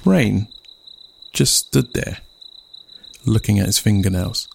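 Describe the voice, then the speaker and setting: Slow, gravelly male storyteller. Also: fairly low pitch, a little mellow, a little hiss or hum. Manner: slow, deliberate delivery. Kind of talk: storytelling narration and reflection.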